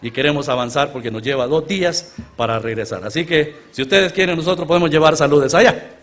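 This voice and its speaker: A man from Honduras with a Honduran Spanish accent, preaching as a guest at a church conference. He moves between loud exclamations and low, quiet asides. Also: fast talker. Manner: earnest storytelling sermon, often addressing listeners as brothers. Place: church conference gathering before a large congregation.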